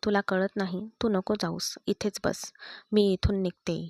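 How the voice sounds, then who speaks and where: A woman's voice: medium pitch, fairly even intonation, unhurried, a little mellow, no echo, clean studio sound. A woman voicing a proud young mother who bitterly pushes her husband away, in a read-aloud story. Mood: defiant.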